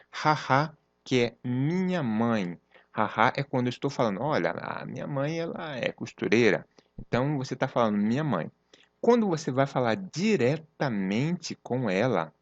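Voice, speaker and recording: Man, online Japanese lesson, patient explainer who repeats words, lively up-and-down pitch, dry slightly dull recording. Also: no room sound. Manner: explains patiently, repeats words and acts out little example sentences. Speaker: Japanese teacher.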